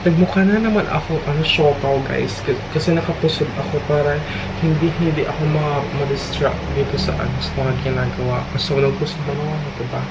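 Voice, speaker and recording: Low-voiced woman vlogger over fan noise. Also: a little fast. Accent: Filipino. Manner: informal, chatty, code-switching. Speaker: beauty vlogger. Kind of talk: casual makeup tutorial chat. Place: small hot bedroom. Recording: steady electric fan noise. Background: electric fan running nearby.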